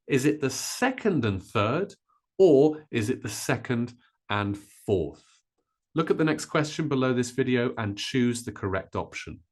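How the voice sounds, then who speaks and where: A man teaching an English pronunciation lesson, modelling stressed words with clear, deliberate delivery. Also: medium pitch, sing-song.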